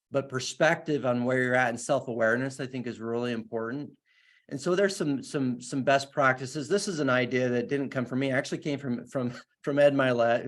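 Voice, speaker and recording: A man speaking as a guest, giving an earnest, enthusiastic motivational talk and then answering questions, often restarting his sentences. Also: medium pitch.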